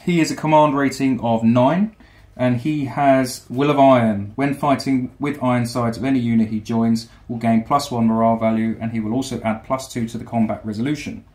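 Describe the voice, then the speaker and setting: A man with a mid-range voice reads out his wargame forces and their rules. He is steady but hesitant, filling gaps with ums, and the room gives his voice a noticeable echo. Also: medium pitch, brisk. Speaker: opposing wargame player. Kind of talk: casual rules explanation. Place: home room with a wargame table. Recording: roomy echo.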